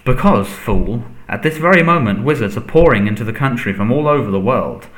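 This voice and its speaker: A man voicing a frail, menacing dark lord in a storybook, soft, breathy and hissing, commanding and contemptuous. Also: medium pitch, animated, fairly quick, lightly acted. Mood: cold, menacing.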